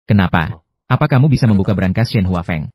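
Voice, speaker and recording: A man reading out translated drama dialogue as a recap voice-over, with a stiff, even delivery for every part. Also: low-pitched, fast talker.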